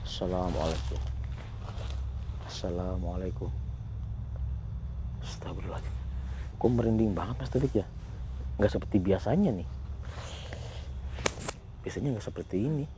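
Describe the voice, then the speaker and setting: A man hosting a ghost-hunting vlog outdoors near a village, talking in a hushed voice to his companion and muttering Islamic prayers. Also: on the low side, normal speed, long pauses, background noise. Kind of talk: hushed on-location narration.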